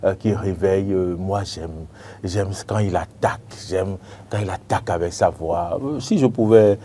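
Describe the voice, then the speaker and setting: A man hosting a studio tribute talk, calm and affirming, with frequent short murmurs of agreement. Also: low voice, moderate pace, a little hiss or hum. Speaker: radio host. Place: broadcast studio.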